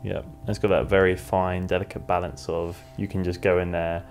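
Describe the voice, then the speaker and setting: A fairly low-voiced man co-hosts a relaxed Q&A, reading out viewer questions in a brisk way. He drops short agreeing remarks between answers, with faint music playing behind him. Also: gravelly. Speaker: co-host reading out community questions. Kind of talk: casual Q&A chat.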